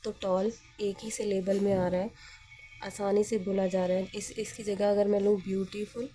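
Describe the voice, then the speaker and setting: A woman's voice: mid-range voice, little pitch movement, moderate pace, dark tone, faint music behind. A woman teacher explaining grammar step by step in a patient manner, often asking questions and then answering them herself.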